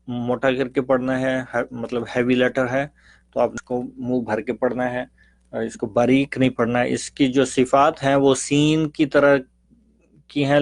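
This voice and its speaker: A man leads a lesson on how to pronounce the letters of the Quran. He works through syllables in a slow, careful drill, then gives quicker spoken explanations. His voice sits at a middle pitch and sounds dry and close. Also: no room sound. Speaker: Quran reading teacher. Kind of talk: recited pronunciation lesson.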